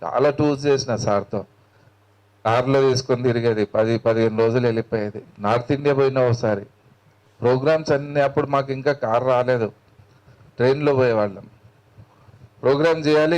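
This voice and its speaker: A man's voice: medium pitch, fairly quick, a little mellow, low-quality recording. A man with a Telangana accent, a meditation teacher giving a spiritual talk in a colloquial storytelling manner, acting out the dialogue. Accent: Telangana Telugu.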